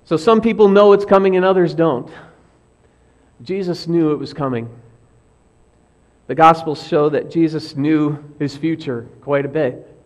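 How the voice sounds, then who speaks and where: A man preaching a sermon as pastor, telling stories and quoting famous last words with lively emphasis. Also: fairly high pitch, a little slow, pauses often.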